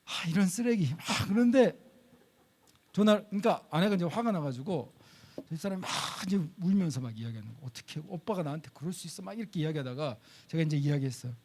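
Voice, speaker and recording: Animated man preaching with acted dialogue. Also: fast talker. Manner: animated, acts out quoted dialogue with big pitch jumps. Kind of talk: sermon storytelling.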